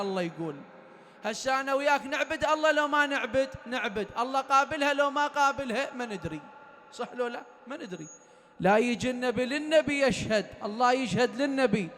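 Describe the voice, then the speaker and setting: A man's voice: very high voice, a bit bright, slight background noise. A man with an Iraqi accent preaching at a mourning gathering, telling stories and asking the listeners rhetorical questions. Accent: Iraqi Arabic. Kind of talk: sermon. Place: mourning gathering in a private home. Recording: long hall-like reverb.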